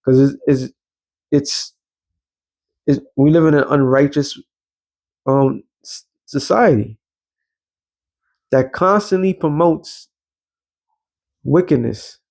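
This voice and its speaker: Speaking slowly with vocal fry and long pauses, a man with a slightly high, mellow voice preaches street-style, slangy and swearing freely. He is a preacher and show host who reads scripture and unpacks it through rhetorical questions, checking in again and again like a teacher.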